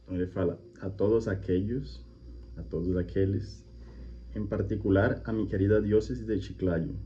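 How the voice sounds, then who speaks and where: Male teacher host, very low and mellow voice, friendly explanatory chat, slightly muffled take with faint hum. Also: steady tone, moderate pace. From Colombia. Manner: friendly, chatty, repeats examples with frequent "né?". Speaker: language teacher and channel host. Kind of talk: casual explanatory reaction video.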